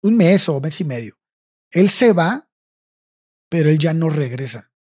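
A man's voice: fairly high pitch, very animated, unhurried, darkish tone, breathy edge. A young Mexican man telling a personal story in casual, slang-heavy chat, swearing freely and tagging his phrases with "güey".

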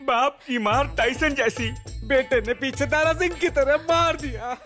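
A man's voice: very high-pitched, a little slow. An actor dubbing a stubborn, sarcastic middle-aged father in a comic film scene. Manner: blustering, sarcastic. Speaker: disapproving father. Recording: dubbed dialogue over loud film music.

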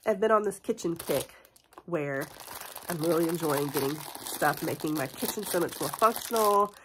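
A woman in her forties chatting excitedly through a haul review vlog, stuffy from a cold, laughing often. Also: low-pitched, normal speed, noisy background. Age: 40s. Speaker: beauty and haul vlogger. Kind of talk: casual product review vlog.

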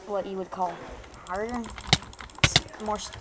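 A woman's voice: medium pitch, steady tone, a little slow, heavy background noise. A woman giving casual gameplay commentary, rambling and poking fun at herself. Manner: rambling, self-mocking, chatty. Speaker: gaming YouTuber.

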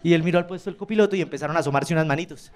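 A man's voice: on the high side, racing, soft background music. A man with a Colombian accent performing a stand-up comedy routine, telling crude stories with quoted voices. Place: comedy club stage.

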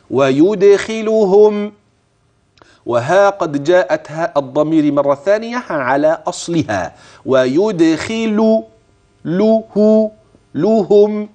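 Animated man teaching Quran recitation. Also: on the high side. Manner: animated explaining, slows to chant verses. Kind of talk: tajweed lesson with recited demonstrations.

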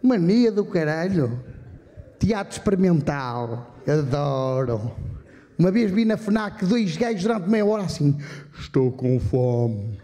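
A man's voice: sits high, animated, normal speed. A man doing crude, profane stand-up comedy and hosting a live show. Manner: profane, loud storytelling. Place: live comedy venue with audience. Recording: reverberant live hall.

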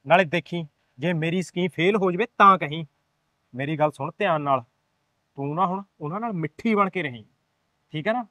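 A man's voice: on the high side, fairly quick, pauses often, pushed and bright, no echo. An actor playing a cocky, plotting husband who chuckles and coaches his wife on a scheme. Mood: smug. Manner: boastful, chuckling, coaxing. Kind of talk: amateur village short-film acting.

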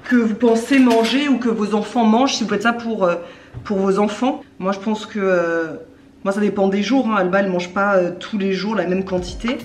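In her thirties, a cooking vlogger chats casually in her home kitchen, walking through a breakfast recipe step by step with lots of fillers. Her voice is medium-pitched with fairly even intonation at a normal speed. The kitchen sounds echoey, with faint noise in the background.

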